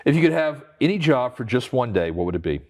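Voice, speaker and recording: A man hosting a lightning round, teasing his guest as he runs through rapid questions. His pitch swings up and down a lot as he talks. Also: big pitch swings, darkish tone. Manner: playful, teasing, laughs often. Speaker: interview host.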